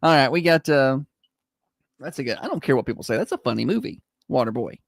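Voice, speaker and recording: A man with a mid-range voice hosts morning radio at a quick clip. He banters and announces casually, with a blunt, joking streak. The sound is dry studio radio. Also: mid-range voice, sing-song, gravelly, no room sound. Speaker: morning radio show host.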